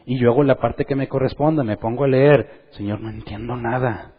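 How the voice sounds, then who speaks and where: Man, husky sermon voice, muffled lo-fi church recording. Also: mid-range voice, moderate pace. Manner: lively, acts out the voices of the people he quotes. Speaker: pastor.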